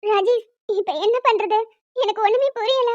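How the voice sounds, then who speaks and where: A woman with a very high, almost childlike voice plays an upset young woman in a dramatic cartoon serial, pleading emotionally. The sound is dry and dull, like a lo-fi home recording. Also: steady tone, moderate pace, no room sound. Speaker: voice actor doing all roles of an animated serial.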